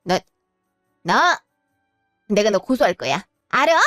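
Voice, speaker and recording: A woman's voice: medium pitch, big pitch swings, takes it slowly, no echo, clean studio sound, soft background music. A woman voicing a domineering elderly mother who scolds and gets flustered. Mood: outraged. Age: older.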